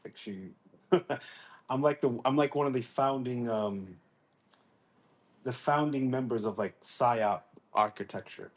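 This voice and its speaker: A man's voice: medium pitch, measured pace. A man in his forties chatting as a guest on an online call, meandering and hedging with lots of ums. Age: 40s. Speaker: guest, tech architect. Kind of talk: casual online group chat.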